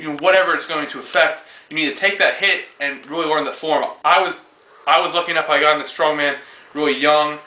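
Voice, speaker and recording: Filmed from some distance in an echoing gym, a strongman athlete and coach, twenty years old, narrates a lifting demo in a relaxed way, dropping lots of fillers between lifts. His voice is a bit high, bright and forceful, and sits far from the mic in the roomy space.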